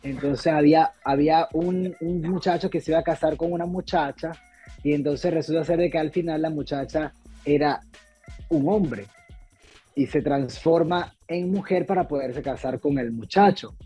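The actor guest, a Venezuelan man, rambles through a casual interview about his theater roles over a video call from his home, with plenty of fillers and restarts. His voice is on the high side and dark with a breathy edge, at a moderate pace, and the call sounds dull and lo-fi with faint music.

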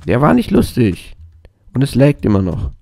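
Hyper, gravelly-voiced young man gaming. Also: mid-range voice, huge pitch swings, normal speed, warm tone, no echo. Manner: hyper, jokey, rambling to himself. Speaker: let's play gamer. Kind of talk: casual gameplay commentary.

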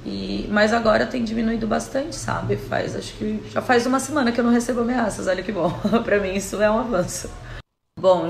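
A woman's voice: on the low side, gravelly. A woman chatting casually to her viewers in a vlog, talking loosely with many fillers. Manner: chatty, filler-heavy, addresses viewers as "gente". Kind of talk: casual direct-to-camera chat. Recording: echoey room with faint noise.

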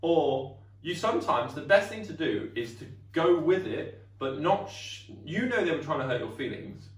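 A man's voice: a little high, very animated, normal speed. A man teaching a karate class in a chatty way, often asking "right?" to check the class follows. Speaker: karate instructor. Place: training hall. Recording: echoey room, voice from far off.

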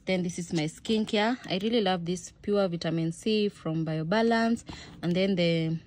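A woman's voice: on the low side, moderate pace, darkish tone. Chatty Kenyan woman vlogging to camera. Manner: chatty, mixes in Swahili words. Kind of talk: casual vlog chat to camera. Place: small bedroom indoors. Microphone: phone camera held close.

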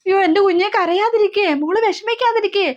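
A woman's voice: extremely high pitch, fast talker, lo-fi sound, voice pushed up. A woman voicing an old grandmother who fusses over and coaxes a frightened child in a comic family skit. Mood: soothing. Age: older. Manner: coaxing, fussing. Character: fussing soothing old grandmother.

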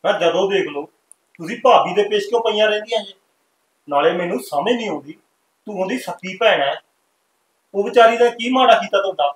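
A man with a Punjabi accent playing an irritated husband who gives gruff commands. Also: high voice, animated, brisk, pauses often, roomy sound, rough recording. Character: irritated young husband defending his widowed sister-in-law.

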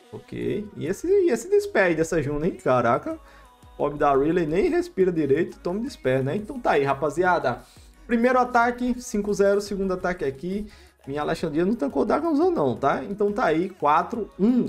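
A man with a Brazilian accent giving excitable live commentary over his own mobile game battle, cheering his units on with slang. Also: mid-range voice, vocal fry. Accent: Brazilian Portuguese. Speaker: gaming YouTuber.

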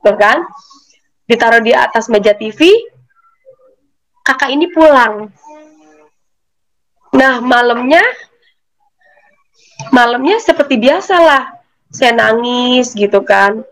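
A woman giving a personal faith testimony, telling her story in an animated way and acting out the voices of people she quotes. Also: fairly high pitch, slow pace, pauses often, rough recording. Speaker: testimony giver.

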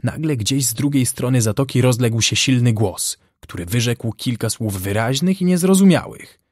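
A man narrating an audiobook in a measured, dramatic way, close to the mic. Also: medium pitch, dry recording. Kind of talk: scripted narration.

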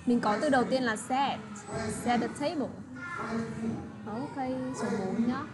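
A woman teaching English words to children, repeating phrases slowly and checking in often with tag questions. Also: on the high side, music in the background. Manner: patient, slow model pronunciation with tag questions. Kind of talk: English lesson for children, explained in another language. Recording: steady background noise.

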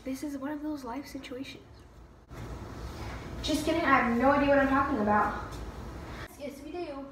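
A young woman with a high-pitched voice and moderate pace chats casually in her home kitchen while baking for her vlog, self-deprecating and peppering her talk with "um" and "like." Recorded on a camera mic that is at times across the room, the sound is roomy, off-mic and noisy.

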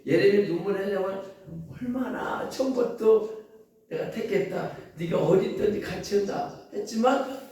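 Man pastor, mellow tone, emphatic sermon, very echoey church heard from far off. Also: sits high. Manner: emphatic preaching, quoting scripture, rhetorical questions to congregation. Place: church sanctuary.

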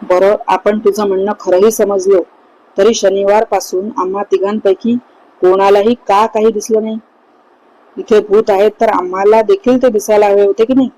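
A woman's voice: mid-range voice, steady tone, moderate pace, warm tone, dry recording, natural voice, low-quality recording. A woman reading the part of a teasing young man in a spoken horror story. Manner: easygoing, joking.

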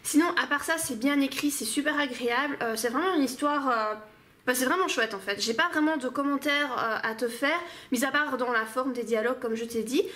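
A woman's voice: high-pitched, fairly quick, a bit bright. A woman reviewing stories aloud in a casual, hesitant way, full of fillers. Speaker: book reviewer. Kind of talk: casual spoken critique.

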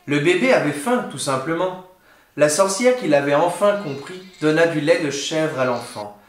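Expressive man reading a children's story. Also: a little high, normal speed. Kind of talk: reading a picture book aloud. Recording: roomy echo.

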